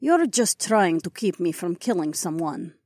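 A fierce, proud dragon queen who hisses and scoffs in a raised, sharp voice, as a male narrator puts her on. Her threats come out heated. The sound is dry and close. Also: high voice, very animated, unhurried, no room sound, voice pushed up, full character voice. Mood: huffy.

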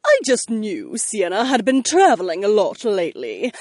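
A man's voice: sits high, huge pitch swings, normal speed, a little mellow, dry recording, studio quality, voice pushed up, exaggerated voice. A man voicing a sly, smirking old noblewoman with a sugary, falsely innocent way of speaking. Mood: feigned innocence.

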